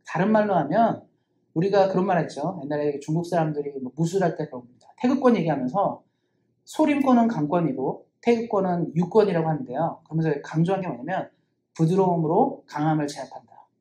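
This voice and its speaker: A woman's voice: sits low, expressive, fast, warm tone, reverberant. A woman pastor preaching a sermon in church in an earnest, conversational way, asking rhetorical questions.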